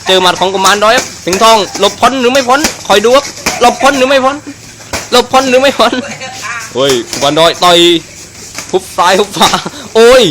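A man doing excited Muay Thai boxing commentary, full of exclamations and rapidly repeated phrases. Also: very high voice. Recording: noisy live event recording.

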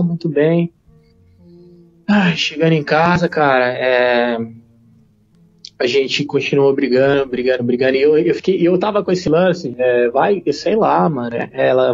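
A man who is a podcast guest, telling a personal story in a casual, slangy and animated way. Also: a little high, lo-fi sound. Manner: slangy, rapid, animated retelling.

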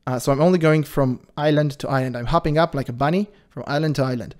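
A high-voiced man speaks fast while hosting his channel and reacting to a video. His casual commentary comes across as animated and defensive, punctuated by plenty of laughs.

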